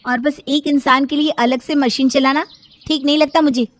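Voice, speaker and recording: A woman's voice: high voice, fairly even intonation, normal speed, no echo, pitched above the performer's own voice, natural voice. A woman doing a sarcastic, dismissive young sister-in-law.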